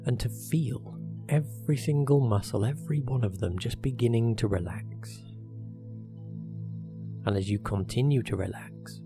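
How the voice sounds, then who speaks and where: A man leading a guided hypnosis meditation as a relaxation therapist, speaking in a soothing, measured way with short phrases and pauses. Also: medium pitch. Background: meditation music.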